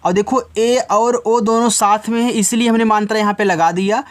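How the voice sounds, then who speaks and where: A man teaching beginners to read, spelling out each letter slowly and talking patiently to children. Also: sits high, fairly even intonation. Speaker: English reading teacher.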